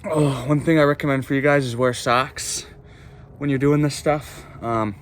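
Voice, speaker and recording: A young man chatting casually to camera outdoors, halting and pausing as he bears the cold. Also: medium pitch, fairly even intonation. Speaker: vlogger. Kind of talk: casual unscripted vlog chat to camera. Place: outdoors in cold stream under a small bridge. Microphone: handheld phone or camera. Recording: clear outdoor background noise, ambience.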